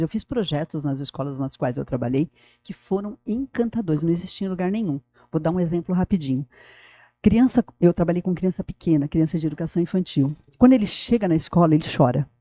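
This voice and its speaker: A middle-aged woman, a former school director telling stories in a podcast interview, animated and addressing the listener directly. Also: fairly low pitch, dry recording.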